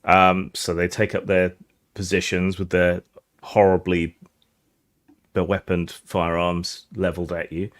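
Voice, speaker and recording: A tired man narrates a tabletop game as game master. He uses dry, understated humor, and his voice sits low. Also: monotone, measured pace.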